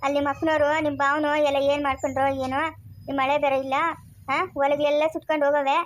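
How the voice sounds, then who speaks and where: A woman's voice: sits high, flat delivery, fast talker, natural voice. A woman playing an elderly village aunt with a rural Chikkaballapur Kannada accent in a village family skit, sighing and murmuring asides to herself. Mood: soothing. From Karnataka. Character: elderly village aunt, gentle and long-suffering.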